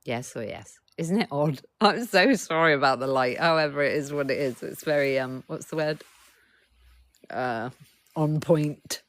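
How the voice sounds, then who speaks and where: A woman's voice: low-pitched, unhurried, dry recording. A middle-aged woman coach hosting a casual live stream, talking bluntly, swearing freely, and keeps urging viewers to reply in the chat.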